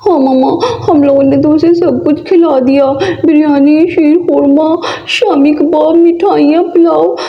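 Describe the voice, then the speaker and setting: A woman's voice: high-pitched, fairly even intonation, a little slow, hardly any pauses. A woman voicing a meek young girl doll who stammers and apologizes, on a slightly muffled recording. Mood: apologetic. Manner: hesitant, stammering.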